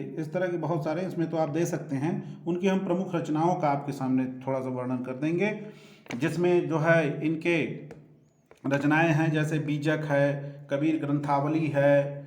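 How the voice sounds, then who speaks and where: A man walks students through exam questions one by one, pausing on fillers and correcting himself. His voice sits a little high. The room around him rings with echo. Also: a little mellow. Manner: explanatory, addresses students with "dekhiye"; frequent fillers and self-corrections. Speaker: teacher. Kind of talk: exam paper solution lesson.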